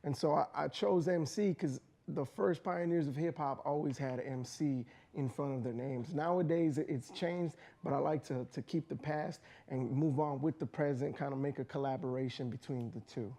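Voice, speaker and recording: A man talking earnestly and with passion in a radio-show interview, his voice warm and mellow yet pitched a little high. He repeats words as he gathers his thoughts and keeps a steady, heartfelt flow. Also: moderate pace, hardly any pauses. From United States. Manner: earnest, passionate, many restarts. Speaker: rapper guest. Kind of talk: casual interview talk. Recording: community radio studio.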